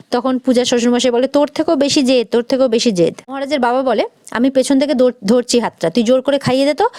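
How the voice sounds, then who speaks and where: A woman with a high voice races through a TV serial recap, reading out each character's lines as she goes. The recording is dry and close, with no room sound. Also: a little mellow, dry recording. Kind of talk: fast retelling of a TV serial episode with quoted dialogue.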